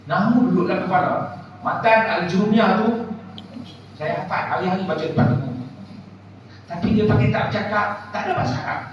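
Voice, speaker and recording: A man with a Malaysian Malay accent teaching an Arabic class, animated and full of rhetorical questions. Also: high-pitched, a little hiss or hum. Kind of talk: lecture to a class. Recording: echoey room, distant mic, dull lo-fi sound.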